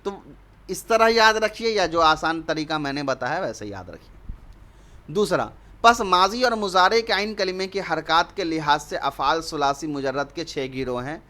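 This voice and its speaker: A man's voice: a little high, lively intonation, pushed and bright. A man with an Indian Urdu accent teaching an online Arabic grammar lesson, explaining step by step and mixing in English words.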